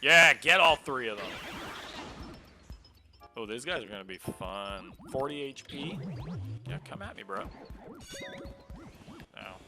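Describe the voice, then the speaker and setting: Man, casual game commentary, rambling, self-interrupting, animated pitch, game music behind. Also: takes it slowly, long pauses, poor audio. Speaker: streamer.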